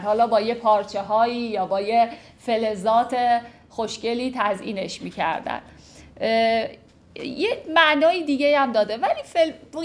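A woman teaches a class on classical poetry. She reads each verse slowly and deliberately. Then she unpacks its meaning in an easy, chatty way. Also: fairly high pitch. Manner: recites verses slowly, then explains them conversationally. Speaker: literature teacher. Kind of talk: lecture explaining classical Persian poetry.

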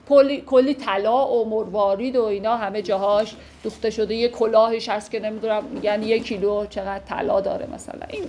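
A woman's voice: a little high, slight background noise. A woman teaching classical poetry, reciting verses and then explaining them in a casual, conversational way. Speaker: literature teacher.

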